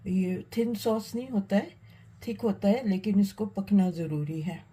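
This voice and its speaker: A woman hosting a cooking demonstration, talking unhurriedly while she cooks, with many pauses and fillers. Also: medium pitch, warm tone, husky, low-quality recording. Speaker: cooking channel host.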